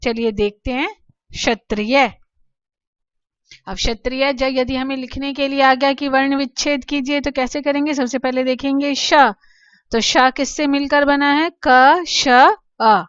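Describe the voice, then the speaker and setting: A woman teaching children Sanskrit letters, explaining slowly and patiently, asking questions and answering them herself. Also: sits high, steady tone, fairly bright tone, no room sound, muffled recording. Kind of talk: slow classroom explanation to children.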